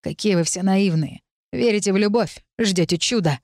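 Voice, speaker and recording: A woman's voice: mid-range voice, moderate pace, darkish tone, no room sound, lightly acted. Narrator lady doing a bitter hot-headed guy, desperate and pushy, dry sound. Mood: menacing. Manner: pleading then menacing, tense. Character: young man, volatile, desperate and bitter.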